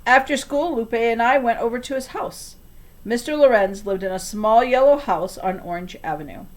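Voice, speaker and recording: A woman reads a children's novel aloud with expressive, storytelling flair. Her voice sits on the high side and she reads at a normal speed.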